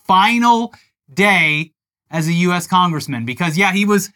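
Podcast guy, kinda high voice, super bright, dry jokes and deadpan news reading. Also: a little slow. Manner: wry, laughing, reads news in a flat deadpan. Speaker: podcast co-host. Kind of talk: comedic political banter and reading news aloud.

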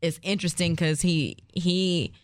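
A man's voice: fairly high pitch, steady tone, measured pace, no room sound, clean studio sound. A man explaining his view at length in casual chat.

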